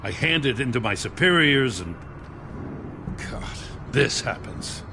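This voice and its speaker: An actor playing a weary, conscientious and frustrated police lieutenant in a video game. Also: male voice, mid-range voice, big pitch swings, a little slow, creaky, sharp tone, a little hiss or hum, full character voice. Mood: weary frustration.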